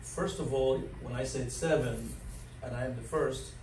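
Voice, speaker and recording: Speaking at a moderate pace in a mid-range, darkish voice, the interviewee recounts his life in a rambling way, full of fillers and frequent chuckles. He is a dining director from Morocco in his sixties, recorded at a distance in a large, echoey learning center room with faint background noise.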